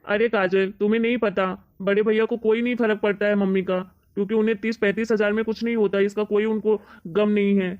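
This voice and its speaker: A woman's voice: mid-range voice, flat delivery, fairly quick, few pauses, lightly acted. Woman doing a greedy son, kinda argumentative, muffled lo-fi audio. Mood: coaxing. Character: greedy middle-aged son and husband. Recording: dull lo-fi recording.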